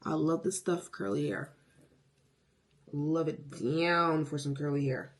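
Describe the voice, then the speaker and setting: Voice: mid-range voice, fairly even intonation, unhurried. A beauty vlogger chatting casually through a hair tutorial at home, with sassy, playful, self-hyping slang. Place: indoors at home. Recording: noticeable background noise, clicks.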